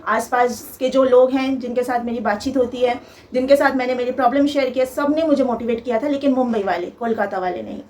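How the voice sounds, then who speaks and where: A woman's voice: a little high, fairly even intonation, a little fast, darkish tone, slight background noise. A young woman vlogger telling a personal story in an emphatic, aggrieved way, piling up lists of complaints.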